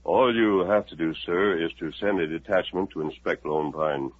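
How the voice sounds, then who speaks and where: An actor playing the Lone Ranger, a calm, resolute masked hero, speaking in a steady, persuasive way in a 1950s radio drama. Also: male voice, sits low, normal speed, breathy edge. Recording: tinny narrow old radio recording.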